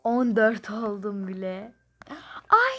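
A woman's voice: medium pitch, sing-song, slow, fairly bright tone. A young woman playing a mobile number game, commenting casually and grumbling in frustration as she counts numbers aloud.

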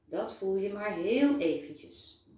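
A kind, joking male doctor from a children's storybook, teasing a little patient, as a woman reads him aloud. The delivery is slow and the tone mellow. It sounds distant from the mic, in a strongly echoing room. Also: medium pitch, expressive. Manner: playful, teasing. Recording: very echoey room, voice far from mic.

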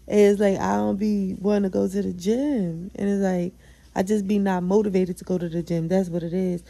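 Young woman, podcast host, casual solo chat, gravelly fry, very dark tone, husky, candid and profane. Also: medium pitch, level tone, normal speed, no echo, low-quality recording. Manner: chatty, candid, profane, self-affirming.

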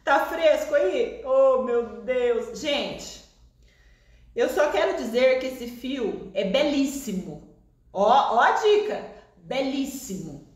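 Brazilian woman, crochet teacher on a live stream; unhurried, chatty, with a recurring cough, recorded in a roomy space. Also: on the high side. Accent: Brazilian Portuguese. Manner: chatty, warm greetings to viewers, laughs often. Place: seated in a room of a shop.

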